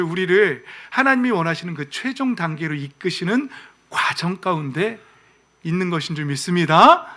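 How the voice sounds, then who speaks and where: Male pastor, sermon, animated storyteller, bright high voice. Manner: lively storytelling, acting out quoted prayers.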